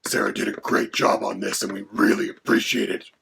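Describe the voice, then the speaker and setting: A voice, given as male, playing a haughty dragon companion with a gravelly, creaky, half-whispered sound. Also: on the low side, little pitch movement, fairly quick, fairly bright tone, a little hiss or hum. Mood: lecturing. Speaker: co-host.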